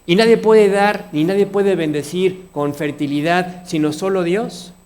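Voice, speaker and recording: A man's voice: high-pitched, a little slow, a little mellow. A man with a Mexican Spanish accent preaching a sermon, earnest, often asking his congregation questions. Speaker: pastor.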